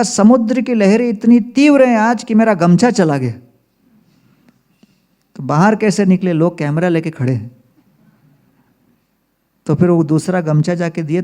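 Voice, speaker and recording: A man's voice: on the high side, gravelly, mellow. A man giving a religious storytelling lecture as a spiritual teacher, telling humorous anecdotes and mixing in English phrases.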